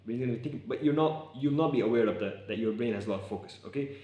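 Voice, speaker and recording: A young man vlogging in casual, excitable talk to camera, slangy and swearing. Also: mid-range voice, quick pace, highs cut off. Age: young adult. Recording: echoey room.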